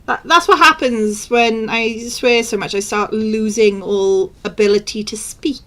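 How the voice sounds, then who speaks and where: Chatty woman co-host, on the high side, casual and lively. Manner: chatty, lively, quick asides. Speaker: podcast co-host. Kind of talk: casual chat.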